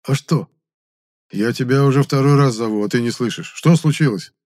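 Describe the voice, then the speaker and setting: A man voicing a cheerful, nosy young man in an audiobook, talking in a lively, teasing way. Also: medium pitch, moderate pace, pitched above the performer's own voice, close to an everyday voice.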